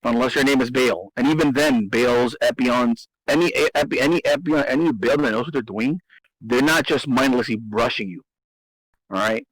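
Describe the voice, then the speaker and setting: A man's voice: mid-range voice, brisk, a bit bright, no echo, low-quality recording. A man in casual talk, explaining game strategy and often restarting and repeating his phrases for emphasis. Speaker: host. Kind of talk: casual gaming strategy discussion.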